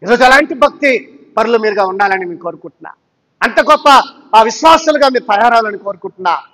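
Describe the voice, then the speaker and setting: A man's voice: sits high, expressive, quick pace, fairly bright tone. A man, a pastor, preaching a sermon to his congregation, emphatic and full of rhetorical questions. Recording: long reverb of a hall.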